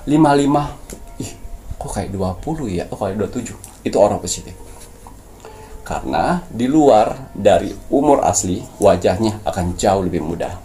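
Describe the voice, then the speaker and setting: A man's voice: fairly low pitch, lively intonation, normal speed, dark tone, a little hiss or hum. A man speaking as a spiritual medium, giving preachy mystical advice and coaching his listeners. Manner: preachy, coaching tone, addresses viewers as "sayang".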